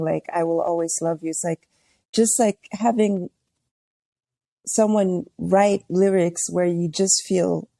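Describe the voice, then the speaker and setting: A young woman from Tanzania, chatting in a relaxed way as a podcast guest, talking about her music with many fillers. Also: lowish voice, gravelly, no echo. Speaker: guest, R&B singer and songwriting coach. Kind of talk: casual chat.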